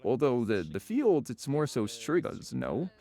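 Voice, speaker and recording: A man from Poland answering street interview questions outdoors, telling folklore anecdotes as an expressive storyteller. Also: medium pitch, unhurried. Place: outdoors on a city square.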